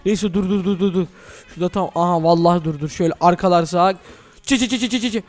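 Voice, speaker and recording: A man hosting a Minecraft role-play, talking excitedly to his viewers as "friends". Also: sits high, fast. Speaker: gaming channel host.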